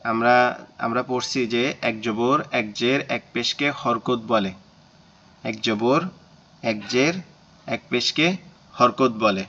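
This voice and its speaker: A man leads a Quran reading lesson in a slow, unhurried delivery, carefully drilling each syllable and repeating every word three times. His voice is bright and forceful, and the recording is a little dull and lo-fi. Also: mid-range voice. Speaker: Quran teacher.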